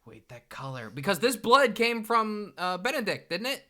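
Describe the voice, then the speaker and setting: A woman hosting a let's play in casual chat, playful and excitable, often repeating her phrases. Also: medium pitch, moderate pace.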